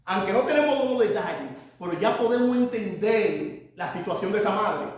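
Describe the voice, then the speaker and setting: A man preaching a sermon as pastor, swinging between loud emphatic cries and quiet, dropped asides. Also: high voice, animated, moderate pace. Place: church hall. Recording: echoey church room from off-mic.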